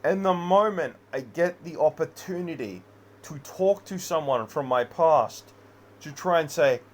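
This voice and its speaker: A man's voice: fairly high pitch, a little slow, a little hiss or hum. A man in an unscripted personal rant, rambling, heavily profane and agitated. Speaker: vlogger.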